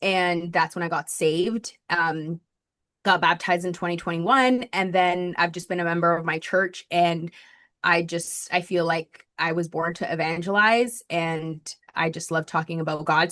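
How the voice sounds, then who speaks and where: Her voice is lowish and a bit bright, moving at a moderate pace with fairly even intonation. She's a marketing strategist from Colombia, in her thirties, telling her story on a podcast in constant chatter full of fillers and "like."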